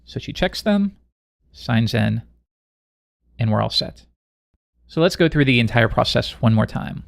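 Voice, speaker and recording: A man walks through code in a screencast lesson, relaxed and conversational. His mid-pitched voice has a gravelly edge and sounds dry, close to the mic. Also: a little slow, dry recording. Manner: relaxed, conversational, thinking aloud while coding. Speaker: programming instructor. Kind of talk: screencast coding tutorial.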